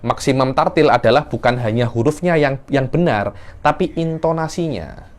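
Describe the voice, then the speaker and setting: Man, religious teacher, animated classroom lecture with sudden pitch jumps. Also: normal speed. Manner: animated, acts out verse intonation with sudden pitch leaps. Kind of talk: classroom lecture on Quran recitation.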